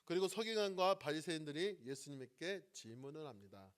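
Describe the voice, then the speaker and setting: A man's voice: on the high side, animated, fairly quick. Man preaching, rising and falling emphasis. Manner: asks the congregation questions and waits for replies; swings between loud emphatic lines and soft trailing endings. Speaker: pastor. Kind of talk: sermon.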